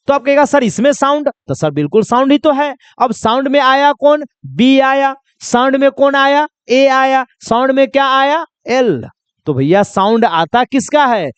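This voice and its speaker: A man's voice: sits high, clear, resonant tone, dry recording. A man from India teaching a basic language lesson to children, repeating each question and answering it himself. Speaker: English teacher.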